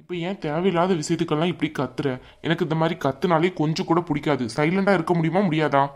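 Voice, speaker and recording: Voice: mid-range voice, quick pace, close to an everyday voice. A performer voicing a meek young groom in a cartoon who pleads with his bossy fiancée. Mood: irritated. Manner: pleading, flustered. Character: meek young groom, company owner, henpecked. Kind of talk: cartoon voice acting.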